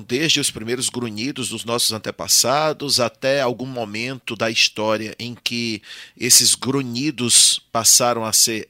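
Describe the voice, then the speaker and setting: A man with a Brazilian Portuguese accent, lecturing in a clear, bright tone. He talks like a patient teacher and keeps checking in with the listener. The room is very dry, with the mic close up. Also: mid-range voice, dry recording. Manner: didactic, often adds tag questions. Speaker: Portuguese language teacher, guest. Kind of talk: explanatory podcast conversation.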